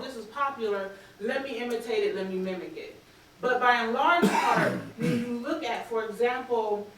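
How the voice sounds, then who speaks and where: A woman's voice: fairly high pitch, a little hiss or hum. A woman in her thirties giving a conference talk at a lectern microphone, speaking earnestly with frequent ums. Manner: earnest lecturing with frequent ums, reading quotes aloud. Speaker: academic speaker. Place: lecture hall, standing at a lectern. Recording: very echoey hall, heard from a distance.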